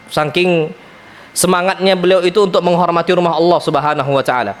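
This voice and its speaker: A man teaching an Islamic study lecture, speaking in a lively way, often calling his listeners "Pak" and weaving in Arabic terms. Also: high voice. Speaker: ustadz. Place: Islamic center lecture hall.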